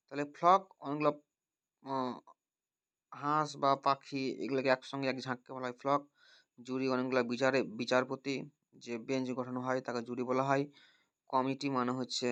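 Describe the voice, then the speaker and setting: Man tutoring grammar with many checking questions, slightly high voice. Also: clear, resonant tone. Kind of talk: grammar lesson. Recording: dull lo-fi recording.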